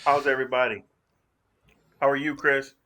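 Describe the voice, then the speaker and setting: Bright, jokey male co-host. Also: medium pitch, little pitch movement, normal speed. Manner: jokey, teasing, mock announcer voice. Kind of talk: casual online talk show banter.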